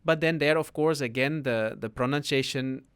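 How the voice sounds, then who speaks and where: A man's voice: medium pitch, normal speed, a bit bright, clear, resonant tone. A man, a guest spiritual teacher explaining things patiently on a podcast, often tagging his sentences with a questioning "no?". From Netherlands.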